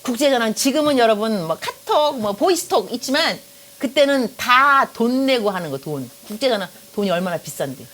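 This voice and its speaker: With a fairly high, brisk voice, a middle-aged pastor from South Korea delivers her sermon through stories and jokes. She addresses the congregation directly.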